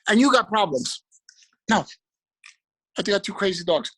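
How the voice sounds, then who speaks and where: A man giving an energetic, preachy motivational talk about trading, repeating affirmations. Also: sits high, breathy edge, low-quality recording. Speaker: motivational speaker for a trading group.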